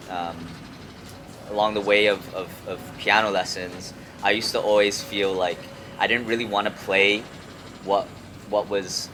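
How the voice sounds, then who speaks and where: On a rooftop amid clear city traffic noise, a deep-voiced young man from Hong Kong, a music artist appearing as an interview guest, chats casually. His delivery is halting and slangy, with repeated words and frequent use of "like" and "you know."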